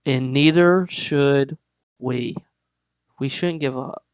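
A man's voice: medium pitch, takes it slowly, clear, resonant tone, dry recording, poor audio. A man preaching a casual sermon, chatty and joking, with pop-culture asides and frequent laughs.

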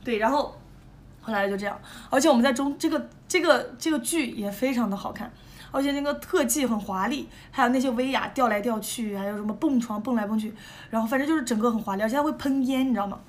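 A young woman, chatting alone and telling a lively, animated story. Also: a little high, fast talker. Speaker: idol group member. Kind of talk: casual solo chat.

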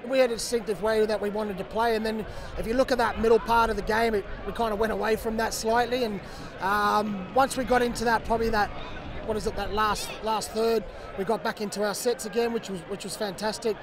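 A man in his thirties, a rugby director, giving a measured and gracious post-match interview outdoors beside the pitch. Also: fairly even intonation. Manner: measured, gracious, hedging fillers. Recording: crowd noise outdoors.

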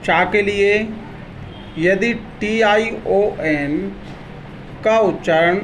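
Indian-accented male tutor, high-pitched, spells words out letter by letter at a crawling pace, with a faint background hiss. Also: a bit bright, low-quality recording. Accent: Indian English. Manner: slow, deliberate dictation. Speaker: English pronunciation teacher. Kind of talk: spelling out words letter by letter, then pronouncing them.

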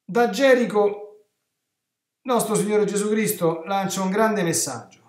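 Animated priest preaching in a roomy space. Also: male voice, sits high, unhurried. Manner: animated, emphatic, with rhetorical questions to the listeners. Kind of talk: retreat sermon. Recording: roomy echo.

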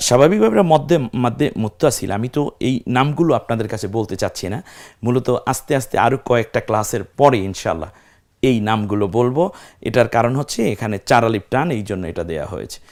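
A man's voice: mid-range voice, lively intonation, brisk, a little mellow. Man teaching Quran recitation step by step. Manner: explains step by step, drawing out Arabic syllables. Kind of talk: recitation lesson.

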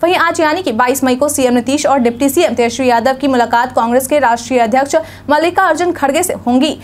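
A young woman reads the evening headlines from a studio news desk. Her voice sits high, and her delivery stays formal and even, in the measured manner of a newsreader. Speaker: news anchor. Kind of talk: read news bulletin. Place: studio news set, indoors.

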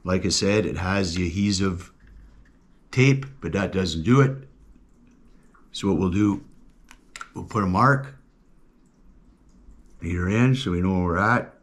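A middle-aged man who hosts an outdoors channel explains a hands-on project in a casual how-to demo, his voice very low and his tone plain and matter-of-fact, with an occasional "uh" filling the gaps. He's working indoors at a workbench while the camera points down at his hands.

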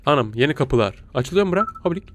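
A man talks through a horror game in joking, excitable let's-play commentary, often breaking into laughs and silly sound effects. His voice sits a little high for a man. The recording is close and dry, with no room sound. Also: racing, dry recording. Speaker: gaming YouTuber.

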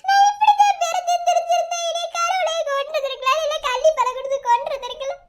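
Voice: very high-pitched, normal speed, fairly bright tone. A performer voicing a sad, bitter young woman in a cartoon, sulky and weepy, with a Madurai accent. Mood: weeping. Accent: Madurai Tamil. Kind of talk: cartoon voice acting.

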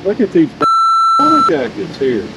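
A man's voice: on the high side, wildly swooping pitch, moderate pace, heavy background noise. An older man with a Southern US accent, a sawmill owner narrating his work video in a wry, grumbling, folksy way.

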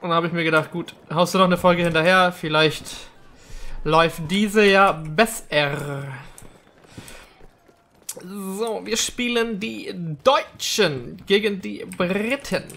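A man's voice: sits high, lively intonation, slow, long pauses, bright, forceful tone. A young man gives chatty, slangy let's-play commentary, rambling casually with English gamer words mixed in. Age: young adult. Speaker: gaming video host.

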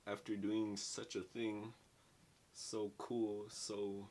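A man's voice: fairly low pitch, monotone, extremely slow, darkish tone. A young man giving a casual spoken book review, rambling in slang with lots of filler words, filmed in a small dim bedroom.

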